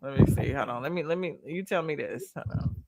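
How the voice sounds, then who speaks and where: A woman hosting a casual video-call chat, loud and animated, swearing and laughing as she reacts. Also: low voice, a little fast, a crowd in the background. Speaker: host.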